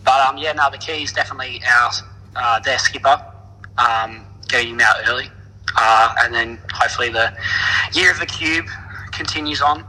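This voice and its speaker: A man's voice: mid-range voice, moderate pace, bright, forceful tone, slightly rough, long reverb tail, poor audio. An Australian man, a club cricketer on a call, chatting casually in a slangy, blokey way like an Aussie tradie. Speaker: club cricketer phoning in as interview guest. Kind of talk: casual, laid-back Aussie bloke chat.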